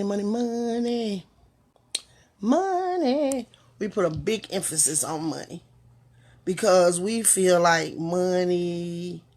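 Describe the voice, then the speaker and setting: A woman's voice: low-pitched, creaky. A woman hosting her own talk, giving a reflective motivational monologue and asking the listener one rhetorical question after another. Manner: reflective, unhurried, with pauses. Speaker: host.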